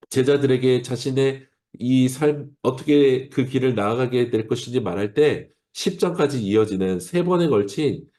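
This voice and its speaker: A man's voice: mid-range voice, dark tone. A male pastor preaching an early-morning sermon, explaining a Bible passage in an earnest way and speaking directly to his listeners. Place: church or home, streamed to an online service.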